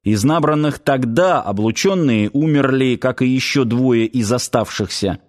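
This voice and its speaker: A male narrator doing a gruff middle-aged garrison commander in an audiobook, blustering and volatile. He slides between weary grumbling and sudden yelling, in a middle-pitched male voice. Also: unhurried, close to an everyday voice. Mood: worried. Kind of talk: audiobook character voice.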